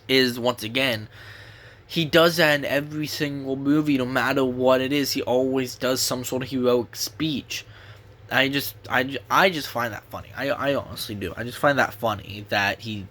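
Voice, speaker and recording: A man's voice: mid-range voice, pushed and bright. A young man with a sore throat gives a casual, rambling movie review, restarting his sentences and swearing now and then.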